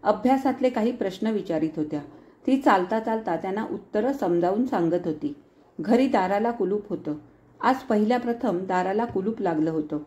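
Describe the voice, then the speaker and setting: Mellow woman narrating a novel. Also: medium pitch, animated, normal speed, lo-fi sound. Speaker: narrator reading a novel aloud. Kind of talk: storytelling narration.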